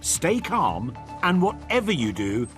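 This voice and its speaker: Guy narrating a nature documentary, dramatic, super swoopy pitch, music clearly playing under him. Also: sing-song, slow. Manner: dramatic storytelling. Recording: loud music bed under voice.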